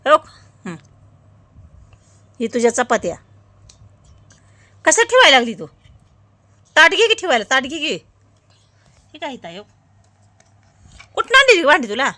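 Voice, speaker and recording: Young woman, coaxing and repetitive, high lively voice. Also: measured pace, pauses often. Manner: coaxing, repeating prompts to a child. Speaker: mother filming her child. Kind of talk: casual home video chat.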